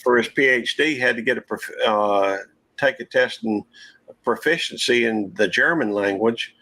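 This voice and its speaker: A man's voice: mid-range voice, moderate pace, bright, forceful tone. A man, hosting a casual live-stream panel chat in a folksy, rambling drawl. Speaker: channel host.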